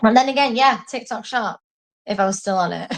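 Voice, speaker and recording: Fairly quick and on the high side, her voice carries self-mocking, rambling anecdotes peppered with some swearing. She's a co-host in a casual conversation, someone with an English family who has lived in Singapore.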